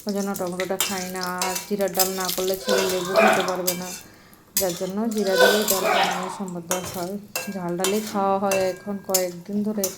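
A woman talks her way through the day's cooking in a casual home vlog, repeating and explaining as she goes. Her voice sits at an ordinary middle pitch. Loud frying and sizzling fill the kitchen behind her. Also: flat delivery, fairly quick, heavy background noise. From Bengal. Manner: chatty, repeats herself while explaining; speaks softly so as not to wake a sleeper.

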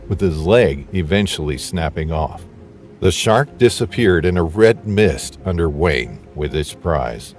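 A man giving scripted narration in a steady, dramatic storytelling manner. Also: sits low.

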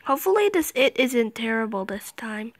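A woman giving excited game commentary, dropping to whispers and jumping to shrieks. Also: a little high, moderate pace, rough recording. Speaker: gaming video host.

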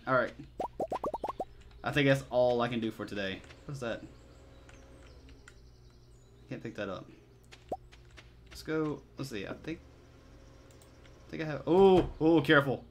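A man's voice: medium pitch, creaky, a bit bright, slight background noise. A man giving casual let's play commentary, laid-back and muttering to himself in short phrases. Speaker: video game player and commentator.

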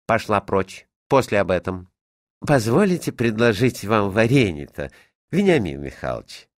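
A man voicing a fussy, scolding middle-aged lady at her summer house, with a shrill, exclaiming manner. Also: very animated, moderate pace, no room sound, clean studio sound. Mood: fawning.

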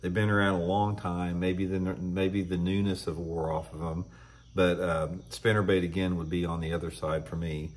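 Host, man, 50s, deep voice, blunt and opinionated, casual webcam talk from a tackle room. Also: flat delivery, moderate pace. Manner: blunt, opinionated, clears throat often. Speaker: fishing channel host. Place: indoor room with shelves of tackle.

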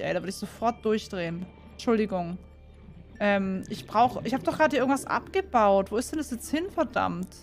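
A chatty, excitable woman commentates her gameplay and keeps turning to her viewers. Her voice sits a little high, and soft game music plays underneath. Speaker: gaming YouTuber. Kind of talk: casual let's play commentary.

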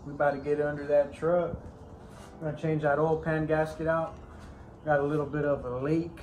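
A man's voice: a little high, little pitch movement, normal speed, a little mellow, a little hiss or hum. A man in his twenties chatting casually to camera in a garage, swaggering and slangy with heavy swearing. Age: 20s. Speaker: DIY car repair vlogger. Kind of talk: casual vlog chat to camera. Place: home garage with open door.

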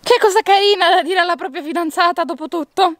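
A woman hosting a playful pool challenge vlog, fussing and counting out loud beside a swimming pool. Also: very high voice, fast. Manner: fussy, excitable, counting out loud. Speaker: vlog host.

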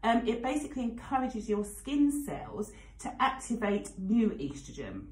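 Here the same kind of speaker, a woman from England in her forties, chats loosely on air with frequent fillers and side remarks. Her slightly high voice has a sing-song lilt and moderate pace. The studio-mic recording from the radio studio is echoey and rough.

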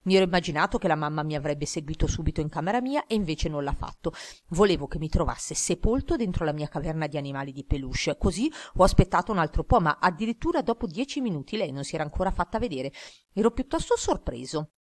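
Female audiobook narrator, calm steady storytelling. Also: deep voice, quick pace. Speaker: audiobook reader.

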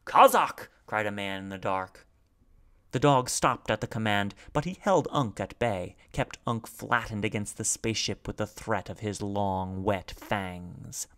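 Man reading a novel aloud, measured. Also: lowish voice, fairly bright tone, smooth. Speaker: audiobook reader. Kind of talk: scripted narration.

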